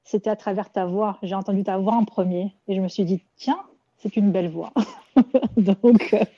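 A woman's voice: medium pitch, moderate pace, mellow, dry recording, lo-fi sound. A woman who is a guest on a podcast, chatting in a friendly, talkative way. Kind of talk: casual podcast chat.

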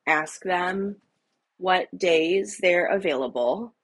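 A woman's voice: fairly low pitch, takes it slowly, breathy edge, full character voice. A woman doing a firm, encouraging mom. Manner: firm then gently reassuring. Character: patient, encouraging mother speaking to her child.

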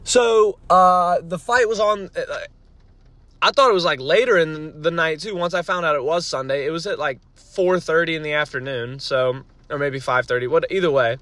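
On the high side and sharp in tone, this man's voice moves at normal speed with no echo. As a solo podcast host, he rambles casually and informally, swearing mildly, while recording on a phone inside a parked car as rain drums on the roof.

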